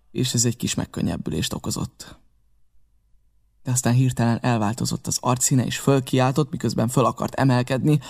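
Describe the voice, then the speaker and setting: A man reading a novel aloud in steady, measured narration. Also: mid-range voice, vocal fry. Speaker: audiobook reader.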